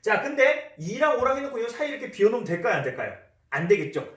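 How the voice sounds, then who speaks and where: High-voiced guy teaching math, bouncy pitch, echoey room, a bit far from the mic. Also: quick pace. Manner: lively, repeats key words, asks the class questions. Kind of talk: classroom math lesson. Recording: roomy echo, voice from a distance.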